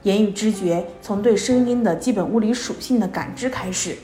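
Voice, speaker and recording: A woman delivers a psychology lecture at a steady, explanatory pace, pausing on little fillers between points. Her voice sits at a middle pitch and carries noticeable room echo. Faint music plays underneath. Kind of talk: recorded lecture.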